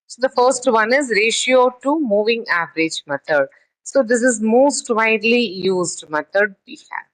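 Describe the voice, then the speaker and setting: A woman lecturer working through a statistics lesson at a mid-range pitch. She talks in a halting way, with many pauses, fillers and restarts, and moves between reading a text and explaining it. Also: a bit bright, low-quality recording. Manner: reads text then explains in her own words. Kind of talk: recorded lecture.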